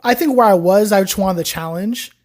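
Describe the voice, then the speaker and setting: In a relaxed podcast interview, a young guest shares her story of learning Chinese, saying "like" frequently. Her voice is mid-range and fairly quick, and her telling is chatty and animated.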